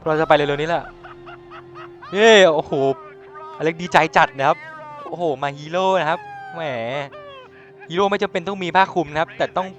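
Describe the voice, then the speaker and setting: A young man giving excitable, joking commentary while playing a video game. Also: a little high, fast, soft background music. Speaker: gaming streamer.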